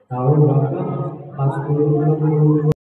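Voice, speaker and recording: A man's voice: little pitch movement, normal speed, phone-quality sound, a little hiss or hum. A man preaching a sermon to a congregation, telling a story. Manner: sing-song storytelling with rising pitch swings, addressing the congregation. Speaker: Islamic preacher. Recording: echoey hall recorded from far off.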